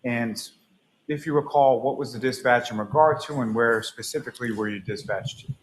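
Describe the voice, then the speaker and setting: A man serving as prosecutor, asking a witness measured, halting questions with frequent pauses and throat clearing, heard through a courtroom recording. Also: mid-range voice, slight background noise, poor audio.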